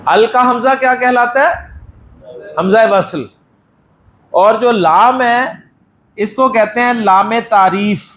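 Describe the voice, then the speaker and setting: A man with a Pakistani Urdu accent teaches Arabic grammar for reading the Quran in a mosque classroom. His voice sits high for a man and he speaks slowly and deliberately. He keeps putting questions to his students and praising their answers. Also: a bit bright, reverberant, slight background noise.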